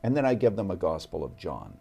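Low, mellow-voiced man speaking deliberately. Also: huge pitch swings, vocal fry, breathy edge. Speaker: guest. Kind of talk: earnest conversation on faith. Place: television studio.

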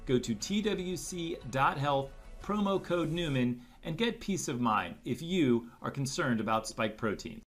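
A man reading a scripted ad voiceover, smooth and persuasive, over light music. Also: mid-range voice, lively intonation, measured pace, few pauses. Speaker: ad narrator.

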